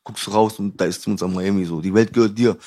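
A man's voice: fairly low pitch, fairly even intonation, brisk, dark tone. A young man from Cuba, talking as a podcast guest. His stories come out in loose, slangy street speech, and he keeps calling the host bro. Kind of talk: casual storytelling.

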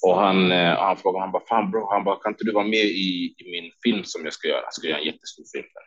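A man from Sweden, a former kickboxing champion, telling stories as a podcast guest, animated and quoting people in lively bursts with frequent laughs. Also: low-pitched, highs cut off. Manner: animated, quotes himself and others in lively bursts, laughs often. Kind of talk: casual storytelling interview.

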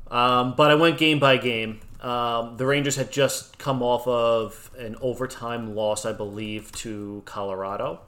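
A mid-pitched man co-hosting a sports podcast, quick to argue and crack jokes. His voice jumps up high when he gets excited, then settles back into plain talk. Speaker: podcast co-host and blogger. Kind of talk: casual sports podcast debate.

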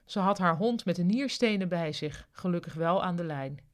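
A podcast host reading a novel chapter aloud in a calm, plain storytelling way into a studio microphone. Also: medium pitch, moderate pace. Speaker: podcast reader and author.

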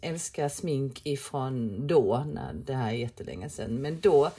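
A woman with a Scanian Swedish accent chatting casually as a co-host, telling stories in a lively, animated way. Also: rumbling low, husky. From southern Sweden. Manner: lively storyteller, animated, laughs often. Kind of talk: casual chat.

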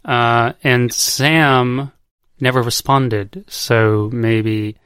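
A man's voice: medium pitch, fairly even intonation, drawn-out words, fairly bright tone, smooth, no echo, clean studio sound. A man hosting a casual podcast chat, out of breath and rambling, laughing often. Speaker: podcast host. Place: home.

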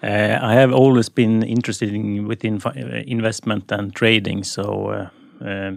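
Man, from Sweden, young adult, gravelly low voice, hesitant with fillers. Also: fairly even intonation, moderate pace, dry recording, studio quality. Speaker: student guest. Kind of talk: casual interview answers.

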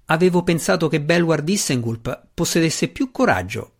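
An earnest, wry dark elf warrior, voiced by a male narrator. He talks in a pressing, slightly raised voice, as he pushes a friend in a fantasy audiobook. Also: on the high side, expressive, moderate pace, gravelly, voice pushed up.

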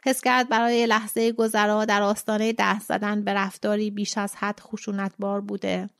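A woman podcast host narrating a short story in a calm, measured reading. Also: mid-range voice, clear, resonant tone, no echo, clean studio sound.

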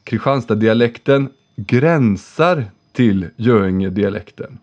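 A man's voice: lowish voice, animated, darkish tone, highs cut off. A man hosting a casual podcast, chatty and joking, swearing now and then. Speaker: podcast host.

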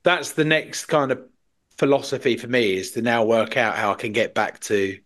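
A man's voice: mid-range voice, animated, moderate pace, a bit bright. A British man chatting casually in a blunt, sweary, exaggerating way. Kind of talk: casual chat.

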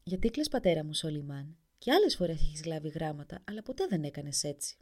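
A woman's voice: low-pitched, very animated, a little mellow, no room sound, clean studio sound, heavily acted. A woman voicing a caring young princess speaking to her father. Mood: earnest.

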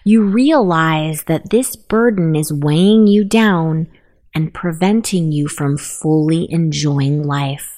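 A woman narrating a guided meditation, giving gentle, unhurried instructions. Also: low voice.

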